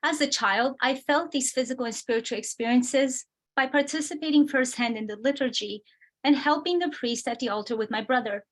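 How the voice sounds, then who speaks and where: Woman from romania giving a talk on a video call, careful and explaining, bit high voice. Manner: measured, explanatory, reads from slides. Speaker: guest speaker. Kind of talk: prepared lecture.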